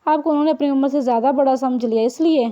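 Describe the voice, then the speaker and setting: A woman voicing Rabab, a sharp-tongued, teasing young woman about to marry, in an audiobook reading. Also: high-pitched, quick pace, dull audio, natural voice. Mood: cheeky. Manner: cheeky, mocking.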